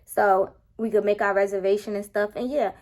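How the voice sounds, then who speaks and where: A woman in her twenties telling a date story in a casual vlog, animated and exasperated, full of profanity and acted-out dialogue. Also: mid-range voice, moderate pace. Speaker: vlogger.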